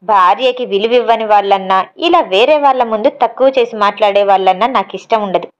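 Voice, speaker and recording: A woman voices a confident young man with a quick temper who teases and scolds firmly. Her medium-pitched voice is clean and natural, moving a little fast. The recording sounds slightly dull.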